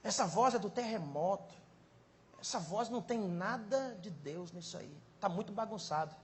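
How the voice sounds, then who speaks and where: A man's voice: high voice, lively intonation, normal speed. Male pastor preaching, roomy echoey hall, faint background hum. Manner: preaching with big swings from loud exclamation to quiet intimate tones. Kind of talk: sermon. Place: large conference hall.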